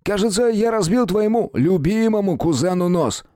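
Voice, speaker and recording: A man voicing a blunt, gruff male fight master who scolds his pupil. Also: high voice, animated, moderate pace, warm tone, slight background noise, pitched above the performer's own voice.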